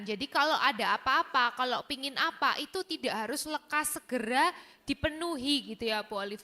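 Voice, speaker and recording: Woman moderator, high pitch, bright tone, sums up then asks questions. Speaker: talk show moderator. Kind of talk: moderating a panel talk.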